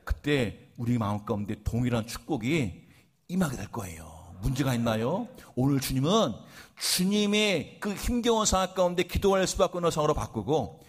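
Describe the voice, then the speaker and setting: A male pastor preaching a sermon in an animated storytelling way, firing off rhetorical questions and joking about himself. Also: mid-range voice, moderate pace, slightly rough. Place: church service.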